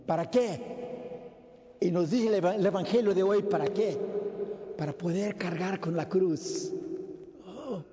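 Male priest, Mexican accent, earnest hushed homily; high, unhurried delivery; long church reverb, dull sound. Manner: earnest, prayerful, often hushed. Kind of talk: homily at Mass.

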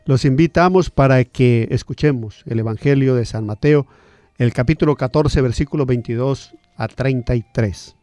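A man's voice: mid-range voice, normal speed, mellow, dry recording. A male radio host greeting listeners and reading scripture aloud in an earnest, careful way with small hesitations.

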